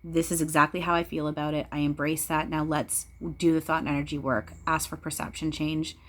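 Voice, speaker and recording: A woman's voice: sits low, level tone, brisk. A woman giving a casual spiritual talk to viewers, blunt and preachy, swearing freely and repeating phrases for emphasis. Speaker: spiritual channeler speaking to viewers.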